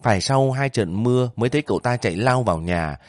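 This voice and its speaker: A man narrating a story in a steady, measured reading voice. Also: medium pitch, no room sound, clean studio sound. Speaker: audiobook narrator. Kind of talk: scripted narration.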